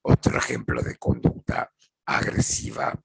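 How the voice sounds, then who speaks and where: A man giving a measured lecture, repeating points and acting out example phrases. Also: dry recording, poor audio. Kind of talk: slow explanatory lecture with acted examples.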